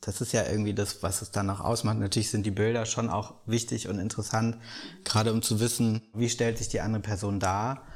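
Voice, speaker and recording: Calm man in his thirties. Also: on the low side, brisk. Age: 30s. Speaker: podcast guest. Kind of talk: casual conversation.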